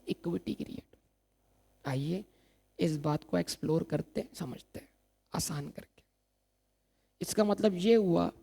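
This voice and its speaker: A man gives a recorded exam-prep lecture on accounting, quizzing the class and answering his own questions while repeating key terms. His voice is high-pitched, gravelly, and a little mellow.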